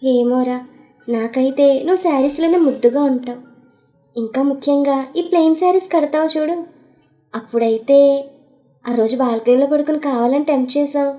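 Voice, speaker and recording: Brief: a woman doing a fond teasing young husband, high light voice, soft music under it. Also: moderate pace, pauses often, close to an everyday voice. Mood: tender teasing. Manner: teasing, affectionate. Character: young man, loving playful husband.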